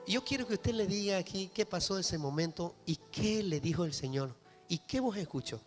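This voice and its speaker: This sermon comes from a Bolivian pastor whose high-pitched, expressive voice moves at a moderate pace as he preaches fervently to his congregation. He has a Bolivian Spanish accent, and the church hall echoes with reverb and music.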